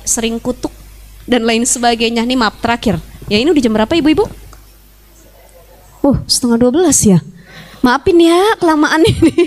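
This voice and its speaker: A young woman preaching a chatty, joking sermon to a women's gathering, laughing often and acting out the people she quotes. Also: fairly high pitch. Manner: acts out quoted voices. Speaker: Islamic preacher.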